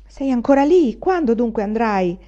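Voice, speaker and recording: A woman's voice: low voice, wildly swooping pitch, normal speed, dark tone, full character voice. A woman reading the lines of a fussing, scolding old aunt in an insistent way for an audiobook. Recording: dull lo-fi recording.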